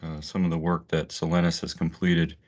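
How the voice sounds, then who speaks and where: A man's voice: sits low, level tone, a little fast, darkish tone. A man speaking as a technical presenter, opening a formal webinar presentation. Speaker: technical presenter, research group leader. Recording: dull, lo-fi online meeting audio.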